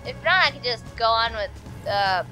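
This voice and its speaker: A woman hosting a let's play rambles and giggles to herself during casual gameplay commentary, a bit congested from allergies. Her voice is a little high, animated and sharp, at normal speed, with soft music in the background.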